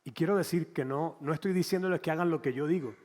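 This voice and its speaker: A man, a pastor preaching an animated, conversational sermon and acting out little scenes. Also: fairly high pitch, fast talker, big-room sound. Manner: animated, conversational, acts out quotes.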